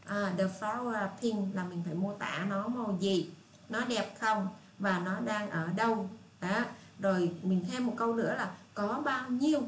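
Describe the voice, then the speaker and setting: In a casual spoken lesson for children, a woman with a Southern Vietnamese accent and a mid-range voice patiently and repetitively reads English phrases out slowly. The room is echoey, with a faint hiss.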